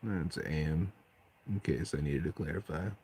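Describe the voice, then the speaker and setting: A man with a deep bass voice, chatting casually on a late-night stream at home while he paints miniatures, rambling and restarting his sentences. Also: moderate pace, mellow, slight background noise. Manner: rambling, self-interrupting, chatty. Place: at home at night, family asleep.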